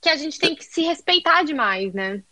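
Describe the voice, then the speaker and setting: Brazilian woman, high bright voice, reflective, laughs easily, dry close sound. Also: animated, normal speed, dry recording. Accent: Brazilian Portuguese. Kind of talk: casual podcast chat.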